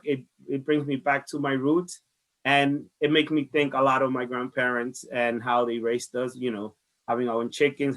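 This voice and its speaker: Captured in a low-quality recording, a medium-pitched, fairly bright male voice answers interview questions. He directs a farmers market and comes from the Dominican Republic, speaking with a Dominican Spanish accent. His manner is earnest and conversational, with many repeated phrases.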